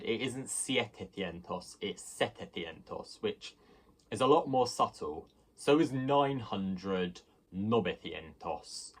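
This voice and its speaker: A man teaching a language lesson, explaining patiently and slowing down to pronounce the foreign words. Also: lowish voice.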